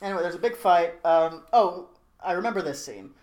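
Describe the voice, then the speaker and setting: A woman's voice: on the low side, animated, brisk, a little mellow. A woman co-hosting a podcast, casually recapping a movie with jokes and lots of fillers. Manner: rambling, joking, trails off with fillers. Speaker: podcast co-host.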